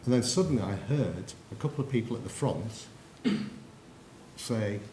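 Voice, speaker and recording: A man's voice: fairly low pitch, animated, moderate pace, mellow, a little hiss or hum. English man lecturing in an echoey room. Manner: anecdotal, addresses the audience directly. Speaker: conference speaker. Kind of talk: presentation to an audience.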